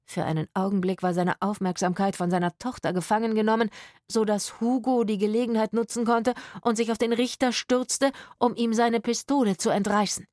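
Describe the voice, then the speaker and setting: A woman reads a children's adventure story aloud with lively expression. Her voice sits in a middle range, and the recording is dry and close with no room sound. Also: a little high, a little fast, dry recording. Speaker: narrator. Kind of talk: scripted story narration for children.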